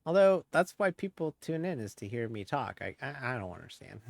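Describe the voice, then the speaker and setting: Racing in a sim on a live stream, a man keeps up a long, loose running commentary, rambling, mocking himself and laughing frequently. His gravelly mid-range voice swings widely in pitch at a normal speed, over a noisy background.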